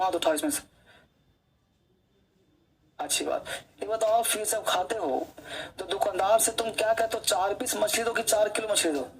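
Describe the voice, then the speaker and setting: A man's voice: high-pitched, a little hiss or hum, rough recording. A male English teacher giving an online coaching lecture, chatty, who keeps quizzing his students and tells personal stories while he teaches.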